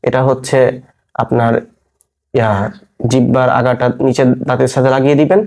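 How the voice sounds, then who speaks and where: A man teaching a Quran reading class, slowly and carefully drilling Arabic letter sounds and often checking that students follow. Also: mid-range voice, level tone, vocal fry, darkish tone. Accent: Bangladeshi Bengali. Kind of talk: Quran recitation lesson.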